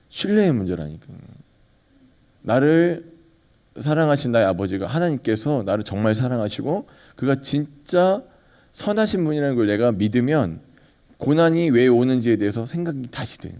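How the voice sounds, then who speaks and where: A man's voice: medium pitch, sing-song, a little fast, darkish tone. A man preaching a sermon as pastor, talking conversationally, asking the congregation questions and acting out bits of dialogue.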